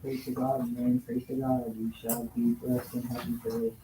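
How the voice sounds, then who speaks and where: A man reading a stern judge's part aloud in a classroom, in a flat, halting read-aloud manner. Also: mid-range voice, natural voice. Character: stern male judge pressing for a confession. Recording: echoey noisy classroom.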